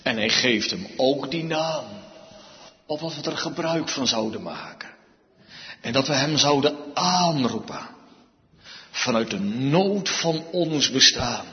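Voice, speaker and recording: A man preaching a sermon, slow and emphatic, his voice swinging widely in pitch and loudness. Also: expressive. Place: church. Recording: dull sound with long reverb, church hall.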